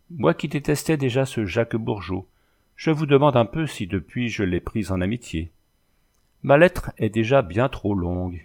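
Gravelly-voiced man reading a novel aloud. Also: on the low side, a little mellow. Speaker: audiobook reader. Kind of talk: scripted narration of a classic novel.

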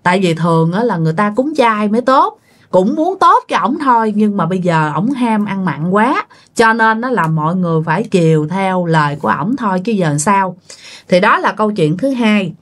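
A woman's voice: medium pitch, lively intonation, moderate pace, a bit bright. A woman, telling ghost stories in a chatty way that speaks to the listeners. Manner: chatty, addresses listeners with fillers. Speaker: storyteller. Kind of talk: casual ghost story narration.

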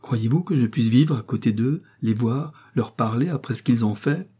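A man's voice: medium pitch, normal speed, warm tone, breathy edge, natural voice. A man reading aloud, voicing a distressed young widow in a storybook. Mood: anguished. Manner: anguished, pleading.

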